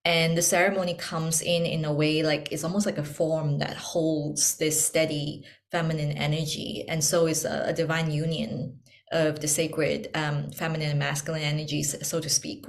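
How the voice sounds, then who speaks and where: A woman from Malaysia speaking as an interview guest, soft-spoken and reflective, pausing often with ums. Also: deep voice, fairly even intonation. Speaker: guest, tea ceremony practitioner. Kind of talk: casual interview conversation.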